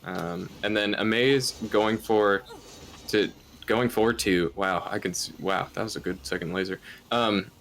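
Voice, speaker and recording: A tired man calls a live speedrun race in a somewhat low voice. He rambles, laughs at himself and stumbles over words, but keeps the play-by-play going. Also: measured pace, fairly bright tone, a little hiss or hum. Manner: rambling, giggly, loses his words. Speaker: speedrun commentator.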